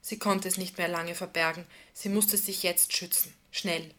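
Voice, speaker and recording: A woman reading a novel aloud in calm, intimate scripted narration. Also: on the low side, normal speed. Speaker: audiobook narrator.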